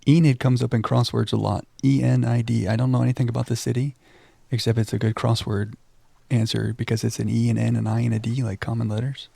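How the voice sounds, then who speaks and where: A livestream game host talks casually to viewers and reads text aloud, his relaxed voice carrying a creaky edge. Close and dry on the mic with no room sound, he speaks at a medium pitch and quick pace, poking fun at himself along the way.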